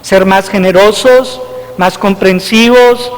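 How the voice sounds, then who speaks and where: A man's voice: high voice, steady tone, slow. A man, a parish priest preaching a homily in a conversational style, often tagging rhetorical questions onto his points. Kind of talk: sermon. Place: church. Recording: long church reverb.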